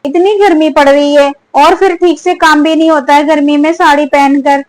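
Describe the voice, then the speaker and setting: A woman's voice: sits high, steady tone, moderate pace, no echo, natural voice. A woman playing an outspoken young daughter-in-law who argues back politely but firmly, pleading her case in a family skit. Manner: argumentative, pleading, repeatedly addressing her.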